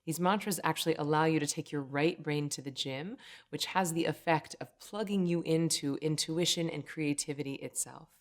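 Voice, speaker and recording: Low-voiced woman teaching, chatty and upbeat. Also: normal speed. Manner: upbeat and conversational, says "right?" often. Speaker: meditation teacher. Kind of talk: direct-to-camera teaching talk.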